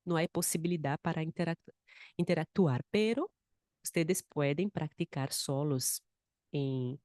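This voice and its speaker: A woman's voice: sits low, unhurried, darkish tone, no echo, clean studio sound. A woman with a Brazilian accent teaching Portuguese in an online lesson, patiently repeating words and mixing in Spanish. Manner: mixes Spanish and Portuguese mid-sentence. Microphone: screen-shared recording, close mic.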